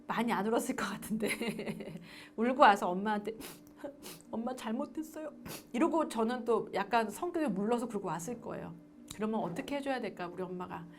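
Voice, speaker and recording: A woman's voice: fairly high pitch, a little fast, a little hiss or hum. A woman lecturing on adoption and parenting, asking the audience questions and acting out parent-child talk. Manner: lively, acts out parent-child dialogue; asks the audience questions and answers them.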